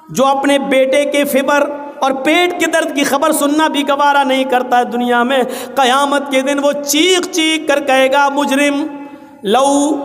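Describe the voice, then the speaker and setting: Male preacher, sermon, impassioned, chants verses, very high voice, echoey hall. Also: a bit bright.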